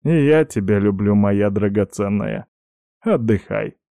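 A man voicing a stern, doting old grandfather who heads a clan, speaking slowly, heavily and commandingly. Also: on the low side, creaky, warm tone, dry recording. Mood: tender. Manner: slow, heavy and commanding.

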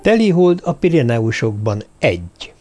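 Man calmly reading a novel aloud. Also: medium pitch, over music. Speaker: audiobook reader. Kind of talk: scripted narration.

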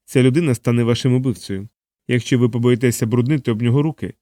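A calm, cold, commanding man, as the narrator voices him, giving curt orders in a dull bass. He sounds menacing and measured. The audiobook sound is dry and close. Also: dry recording, close to an everyday voice. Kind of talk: audiobook character voice.

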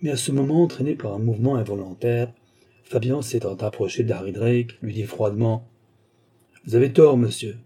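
A man narrating a classic novel in a measured, even storytelling delivery. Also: medium pitch. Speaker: audiobook narrator. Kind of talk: scripted literary narration.

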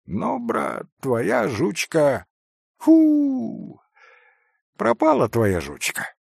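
A man reading an audiobook, putting on the voice of an excited, insistent teenage schoolboy. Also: high-pitched, extremely slow, gravelly, breathy edge, no room sound, clean studio sound, pitched above the performer's own voice, exaggerated voice. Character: eager, bossy teenage schoolboy, talking fast.

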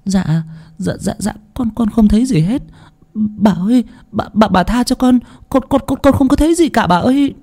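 A man voicing a terrified young female servant who stammers and pleads in a high, breaking voice. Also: expressive, normal speed, mellow. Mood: panicked pleading.

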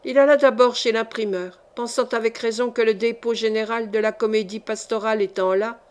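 A woman narrates a classic novel in a measured, careful audiobook reading. Her voice sits a little high for a woman, and she tells the story clearly and steadily. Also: steady tone. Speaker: audiobook reader.

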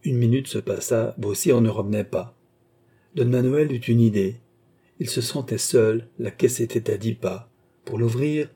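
A man reads a classic novel aloud as an audiobook narrator, measured and steady. His voice is mellow and dark, with a husky grain. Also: mid-range voice.

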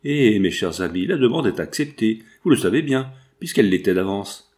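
A man's voice: lowish voice, animated, moderate pace, darkish tone, lightly acted. A man voicing a courteous middle-aged male industrialist and father, speaking in formal, old-fashioned phrases. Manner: formal, courteous nineteenth-century speech.

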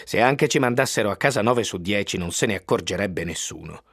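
A man's voice: lowish voice, expressive, fairly quick, a bit bright, dry recording, clean studio sound. A man reading aloud who voices a blunt, commanding older professor in a lecturing tone. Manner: imperious, lecturing.

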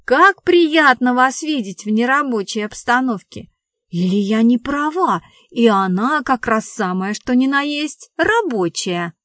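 A woman voicing a sharp-tongued young woman who mocks and hisses sarcastically, as an audiobook dialogue reading. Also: a little high, expressive, measured pace, no echo, clean studio sound. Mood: mocking. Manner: sarcastic, hissing.

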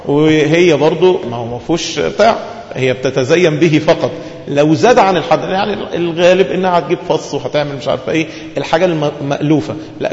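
A man's voice: on the high side, a little mellow. A man with an Egyptian Arabic accent preaching a religious lesson, posing questions to his listeners and answering them himself. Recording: echoey hall, dull lo-fi sound.

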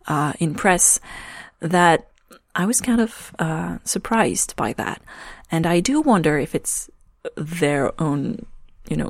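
A woman reading podfic, talking casually and hesitantly, thinking aloud with many pauses. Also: sits low, creaky, a little mellow, dry recording, clean studio sound. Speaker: podfic reader. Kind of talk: casual spoken commentary.

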